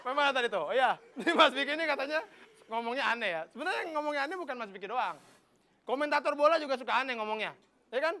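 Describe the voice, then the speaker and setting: A young man doing a loud, animated, slangy stand-up comedy set on stage. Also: very high-pitched, quick pace. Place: stage before a studio audience. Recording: live stage with crowd. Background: audience laughter.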